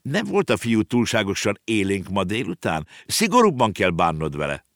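A man's voice: fairly low pitch, huge pitch swings, no room sound, studio quality. A man voicing a stern, exasperated middle-aged father who scolds his family in a storybook reading. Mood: scolding.

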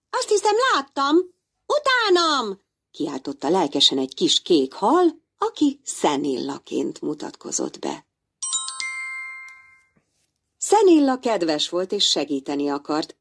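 A woman reading a children's storybook aloud as narrator, in an expressive storytelling manner. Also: low voice, gravelly, husky.

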